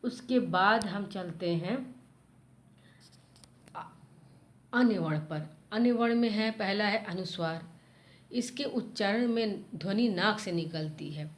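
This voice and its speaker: A woman's voice: mid-range voice, slow pace, pauses often. A woman teacher giving a grammar lesson to children, spelling out letter sounds one at a time in a patient, explanatory way. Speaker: school teacher.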